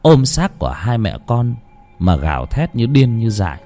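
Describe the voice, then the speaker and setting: A man narrating a ghost story in a dramatic, hushed storytelling manner. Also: mid-range voice, very animated, normal speed.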